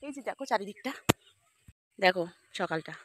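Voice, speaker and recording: A woman from West Bengal chatting to her viewers outdoors on a foggy morning, often dropping to a hushed voice. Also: mid-range voice, animated, fairly quick, husky, dry recording, studio quality. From West Bengal, India. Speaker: vlogger. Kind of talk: casual vlog narration to viewers.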